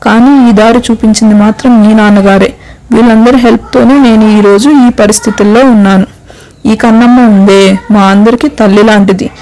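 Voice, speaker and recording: A woman's voice: on the high side, fairly even intonation, normal speed, a little mellow, lightly acted, rough recording. A woman voicing a polite, humble young man who works as a tourist guide. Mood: pleading. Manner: polite, pleading.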